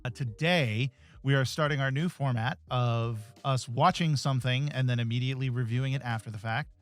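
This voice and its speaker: A man in his thirties co-hosting a casual movie review podcast, talking in an animated way and tripping over his words when excited. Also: mid-range voice, a little fast. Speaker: podcast co-host.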